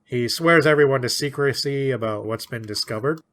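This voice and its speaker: A podcast co-host with a mid-range, fairly bright voice chats casually about a book. He's talkative and laughs often, slipping into quick voices for the characters.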